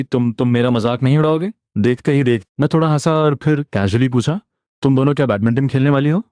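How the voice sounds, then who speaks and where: A man's voice: mid-range voice, darkish tone, no echo, clean studio sound. A man narrating a first-person comic story recap casually, voicing each character's lines in turn.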